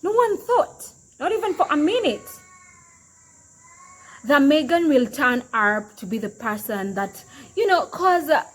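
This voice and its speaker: A woman with a high voice delivers opinionated commentary. She is emphatic and repetitive, peppering her talk with fillers. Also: big pitch swings, a little slow, poor audio. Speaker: commentary vlogger.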